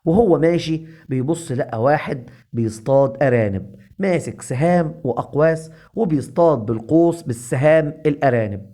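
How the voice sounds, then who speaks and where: A man with an Egyptian accent telling a comic folk tale in a lively, repetitive way. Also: on the high side, brisk. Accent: Egyptian Arabic. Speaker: storyteller.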